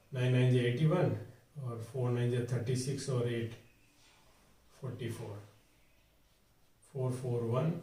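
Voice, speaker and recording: Male math tutor, talks himself through each step, dark unhurried voice, distant mic in a roomy space. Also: mid-range voice. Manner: talks through each step, asking and answering his own questions. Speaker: math teacher. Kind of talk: board exam math tutorial. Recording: echoey room, voice from far off.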